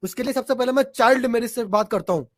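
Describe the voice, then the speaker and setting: A man with a very high-pitched voice makes his case in a heated online debate. He is emphatic and repeats his lines to press a challenge, and the sound is close and dry with no room echo. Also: fast talker, a bit bright. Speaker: debate panelist. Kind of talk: polemical online religious debate.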